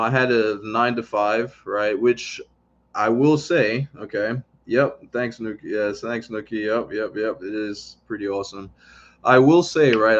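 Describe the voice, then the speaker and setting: Host, male, grew up in Italy: low, level delivery, rambly live-stream chat, dull lo-fi audio. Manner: rambling, frequent "right?" tags. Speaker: online business coach. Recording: dull lo-fi sound.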